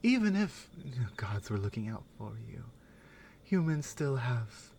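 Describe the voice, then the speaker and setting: A woman takes on a full character voice as a strong, wry, skeptical Nordic warrior companion in a soft, intimate ASMR roleplay. Her voice is rumbling low, sing-song and husky. Wry and concerned, she muses with pauses and murmured asides.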